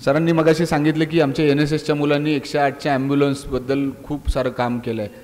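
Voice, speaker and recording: High-pitched man exhorting students in an echoing hall. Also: flat delivery, fast talker, darkish tone. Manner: rhetorical questions, scolding and exhorting. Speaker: police inspector giving a talk. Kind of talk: animated public speech to students. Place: college auditorium. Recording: long hall reverb.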